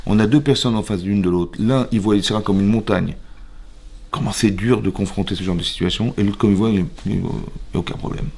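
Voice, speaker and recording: A man, a rabbi, leads a Torah class in a synagogue. He talks in a lively way, checks often that his listeners follow, and acts out the voices in the stories he tells. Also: lowish voice, fairly quick, vocal fry, husky. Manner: lively, asks the audience questions; acts out quoted dialogue.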